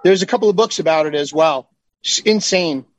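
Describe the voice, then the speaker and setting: A man's voice: on the high side, fairly quick, no echo, highs cut off. A man joining a talk show as a guest, talking bluntly and heatedly with some swearing. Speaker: call-in guest. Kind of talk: casual chat.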